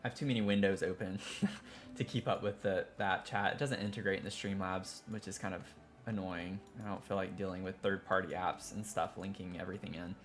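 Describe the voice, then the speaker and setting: Southern-accented streamer, lowish voice. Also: male voice, fairly even intonation, brisk, soft background music. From Tennessee, US. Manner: rambling, self-interrupting, chatty with viewers. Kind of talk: casual live-stream chat while building in a game.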